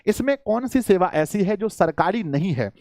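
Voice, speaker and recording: A man teaches a live online exam-prep class, urging his students along and repeating key answers. His voice sits fairly high for a man. The sound is close and dry, with no room around it. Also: lively intonation, moderate pace, a little mellow, no room sound. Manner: coaxing, repetitive, addresses students as children.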